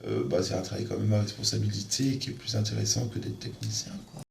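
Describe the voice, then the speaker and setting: A man's voice: fairly low pitch, fast talker, gravelly. A man working as an inspector, explaining things matter-of-factly in casual speech, secretly recorded on a hidden mic. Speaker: benefits inspector. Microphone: hidden mic, away from the speaker. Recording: echoey, noisy hidden-mic recording, slightly distant.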